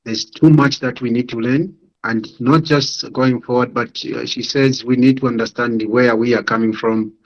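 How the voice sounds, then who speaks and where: A man's voice: mid-range voice, fairly even intonation, moderate pace, hardly any pauses. A man moderating an online panel discussion, encouraging and inviting speakers to contribute. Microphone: video call. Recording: muffled lo-fi video call audio.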